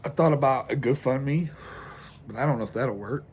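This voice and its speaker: A sleepless man rambles through a stressed vlog rant, swearing freely as he talks outside in the cold. His voice sits at an ordinary middle pitch and shivers a little from the chill. Faint noise hangs behind him. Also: moderate pace, darkish tone. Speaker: vlogger. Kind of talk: venting vlog monologue. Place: outdoors in the cold.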